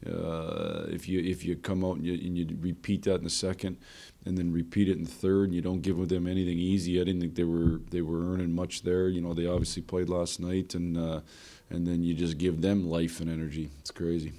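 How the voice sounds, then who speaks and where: Man, deep gravelly dark voice, blunt emphatic coach, desk mic. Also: a little fast, hardly any pauses. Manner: blunt, emphatic, repeats phrases. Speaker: head coach. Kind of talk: post-game press conference. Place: press conference room. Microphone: desk microphone.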